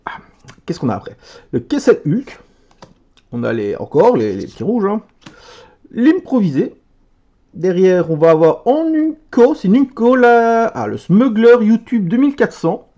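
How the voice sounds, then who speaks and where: A man chatting casually as he opens card packs for his video, letting out excited exclamations over each card. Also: high voice, measured pace, long pauses, dull audio. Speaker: card game video creator. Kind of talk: casual card pack opening commentary.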